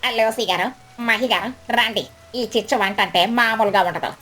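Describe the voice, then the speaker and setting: A woman's voice: fairly high pitch, normal speed, sharp tone, soft background music. A woman voicing a greedy, boastful crow who sells curry in a cartoon story, talking in a brash, haughty way.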